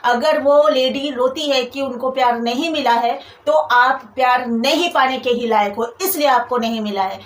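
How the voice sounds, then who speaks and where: A woman's voice: sits high, normal speed, few pauses. A woman vlogger telling personal stories straight to her viewers, venting with indignation. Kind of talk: personal storytelling vlog. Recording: echoey room, a bit far from mic.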